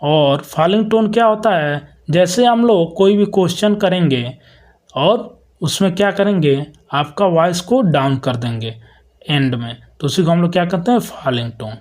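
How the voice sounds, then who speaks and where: A man giving an exam-prep lecture, asking himself rhetorical questions and reading English definitions out slowly. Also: high-pitched, a little mellow. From India.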